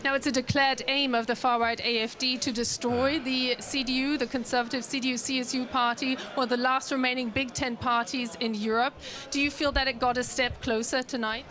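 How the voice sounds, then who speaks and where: A woman interviewing for a news broadcast, asking crisp, probing questions. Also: high voice, flat delivery, a little fast, a crowd in the background.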